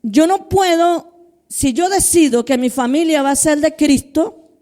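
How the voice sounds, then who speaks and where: A high-voiced woman pastor with a mellow, warm tone delivers a conversational sermon. She speaks directly to her congregation and slips into the voices of people praying or talking to themselves. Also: unhurried. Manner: acts out quoted prayers and inner voices.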